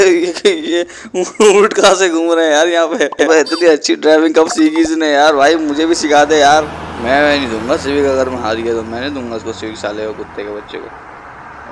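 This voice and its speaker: A man's voice: on the high side, noisy background, lightly acted. Tommy, a man voicing a brash gangster. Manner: swaggering, insulting, panics into yelling while racing. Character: brash foul-mouthed male gangster, Tommy. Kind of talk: amateur game voice dub.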